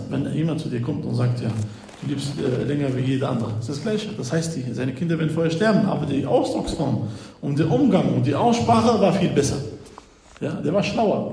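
In an echoey hall with faint noise, a preacher retells hadith in a religious lesson, his mellow voice on the high side with some vocal fry. He explains step by step, checks in with frequent "ja?", and his grammar is slightly nonstandard.

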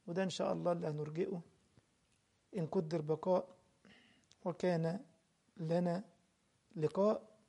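A man's voice: a little high, fairly even intonation, moderate pace, gravelly, long pauses, mellow. A man with an Egyptian Arabic accent giving a religious lesson and answering questions from a live stream. He speaks earnestly, addresses his listeners directly and repeats his points. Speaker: religious teacher.

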